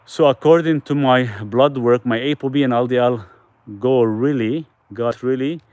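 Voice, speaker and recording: A man's voice: medium pitch, moderate pace, a little mellow, smooth, dry recording. A man hosting a casual live stream, answering viewers' questions in a loose, rambling way with frequent restarts.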